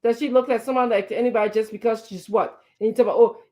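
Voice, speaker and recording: Speaking rapid-fire in a slightly high, warm, steady voice, a Liberian woman gives fervent, indignant political commentary on a talk show. She leans on repetition and pointed rhetorical questions.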